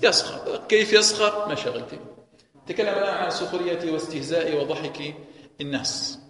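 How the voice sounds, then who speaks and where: A man's voice: fairly high pitch, fairly quick, a bit bright. A man giving a religious lesson, asking and answering his own questions. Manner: explains by posing and answering rhetorical questions. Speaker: Quran teacher. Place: mosque hall. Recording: echoey reverberant mosque hall.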